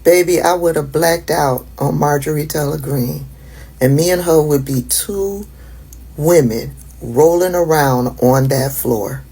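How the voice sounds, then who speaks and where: Slow husky indignant woman. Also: low-pitched, mellow. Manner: blunt, indignant. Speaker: video commentator. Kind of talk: casual reaction video.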